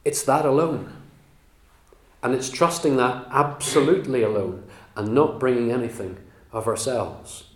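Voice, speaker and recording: A man delivers an earnest sermon, stressing key points with measured pauses. His voice sits at a middle pitch. The recording carries a roomy echo. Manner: earnest, emphatic Bible teaching with measured pauses. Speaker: preacher.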